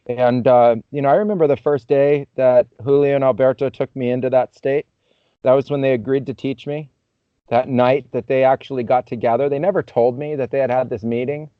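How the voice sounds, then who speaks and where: A man's voice: medium pitch, fairly even intonation, a little fast, clear, resonant tone, no echo. A man as a podcast guest, telling a story in a reflective, loose way full of "you know" fillers. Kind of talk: conversational storytelling. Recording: slightly muffled, dull audio.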